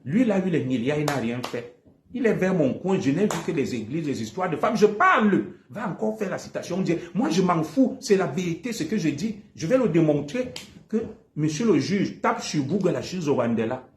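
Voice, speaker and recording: A live streamer with a Cameroonian French accent delivers a heated monologue, combatively hammering the same accusations over and over. His voice sits a little high and is very animated at a normal speed. The sound is reverberant, with a little hiss or hum.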